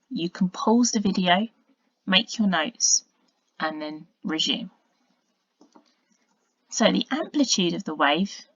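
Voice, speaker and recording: A woman teaching through a recorded video lesson, patient and explanatory, dropping into quiet muttered asides as she draws on diagrams. Her voice sits at an ordinary pitch for a woman. The recording is dry, dull and a little lo-fi. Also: vocal fry, husky, no room sound. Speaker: science teacher.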